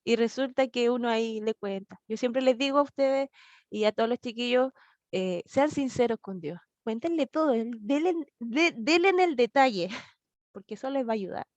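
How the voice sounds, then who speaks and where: A young woman with a Chilean accent leads a youth Bible lesson over a video call. Her voice sits high, and the sound is dry and close. She talks in a lively, chatty way, laughs often and acts out little exchanges as she teaches. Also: normal speed, no room sound. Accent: Chilean Spanish.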